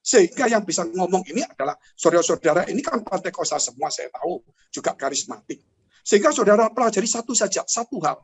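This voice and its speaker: A man's voice: sits high, fast talker. A man, a pastor, teaching in a church talk show, speaking to his listeners directly with rhetorical questions and acting out the stories he tells. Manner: animated, rhetorical questions, addresses listeners as brothers and sisters; storytelling with vivid acted-out exclamations.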